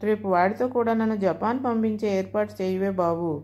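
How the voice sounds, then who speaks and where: A woman's voice: medium pitch, a little fast, a little mellow, lightly acted. A woman voicing a naive, fussy elderly mother-in-law in a storybook, talking in a chiding, pleading way. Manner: chiding, pleading, easily confused. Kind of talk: storybook dialogue.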